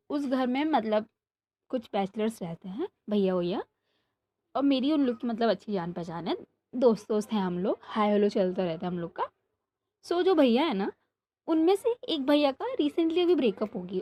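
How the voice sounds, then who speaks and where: A young storytelling vlogger rambles animatedly from her bedroom, chatting casually before narrating a story for her channel. Her voice sits on the high side, the sound is lo-fi, and a neighbour's music plays in the background.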